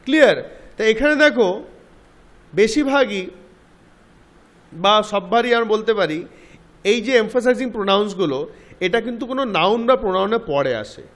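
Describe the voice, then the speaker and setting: High-voiced man teaching grammar. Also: expressive, fairly bright tone. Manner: reads English examples slowly, then explains quickly; asks the listener check questions. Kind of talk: classroom lesson explaining grammar.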